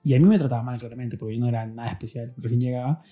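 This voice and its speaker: A man from Peru hosting a podcast, an animated storyteller who acts out the voices of the people in his stories. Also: medium pitch, rapid-fire, soft background music. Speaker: podcast host. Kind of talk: casual podcast conversation.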